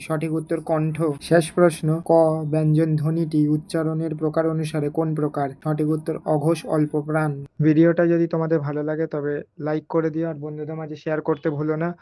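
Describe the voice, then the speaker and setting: Flat-voiced man reading quiz answers. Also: fairly high pitch. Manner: steady drill, reads each question then its answer. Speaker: coaching teacher. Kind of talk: quiz-style lesson, question and answer.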